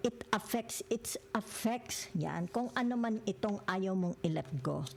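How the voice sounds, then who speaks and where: Gravelly older tarot reader. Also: female voice, lowish voice, darkish tone, a little hiss or hum. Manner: peppers every phrase with questioning tag words. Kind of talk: tarot reading in mixed Tagalog and English.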